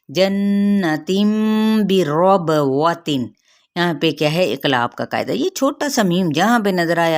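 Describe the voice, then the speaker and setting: Low-voiced woman teaching Quran recitation. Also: gravelly. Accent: Pakistani Urdu. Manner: recites words slowly then explains rules. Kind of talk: tajweed lesson.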